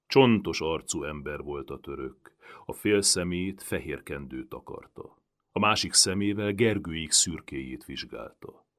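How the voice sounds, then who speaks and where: A man narrating a storybook in a dramatic, expressive reading. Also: extremely low pitch. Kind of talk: audiobook reading of a historical novel.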